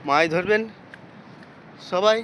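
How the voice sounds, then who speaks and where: A man's voice: high-pitched, slow, fairly bright tone, dull audio. A man vlogging casually by a muddy riverbank and on a boat, chatting to his viewers and calling out to passers-by, recorded on a handheld phone. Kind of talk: casual walking vlog commentary. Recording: outdoor wind and boat noise.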